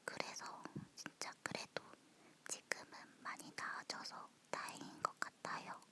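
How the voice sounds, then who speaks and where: Female ASMR host, leaning in to whisper, unhurried personal chat, crisp bright breath tone. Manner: soft close whisper, as if leaning in.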